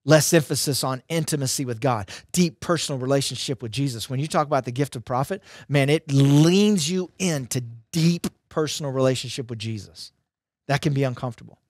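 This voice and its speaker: A middle-aged man teaches in a conversational sermon style. His voice sits a little high for a man, and he drives points home with short, emphatic, repeated phrases. The sound is dry and close, from a headset microphone in a studio. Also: no room sound. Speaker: preacher. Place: dark indoor studio.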